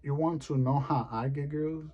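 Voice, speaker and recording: A man performing a rambling, deadpan stand-up comedy monologue. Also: on the high side, normal speed, dull audio.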